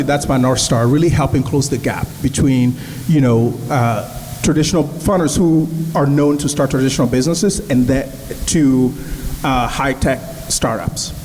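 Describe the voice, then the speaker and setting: A male startup founder answers a panel question, his voice at an ordinary pitch. He speaks with many fillers and restarts. The sound carries a long hall echo and a faint hiss. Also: darkish tone. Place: event hall.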